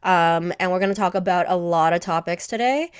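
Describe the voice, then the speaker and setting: A woman's voice: lowish voice, brisk, clean tone, no room sound, clean studio sound. A woman hosting a podcast interview, a little sick, chatty and friendly with many fillers. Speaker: podcast host. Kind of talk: casual interview chat.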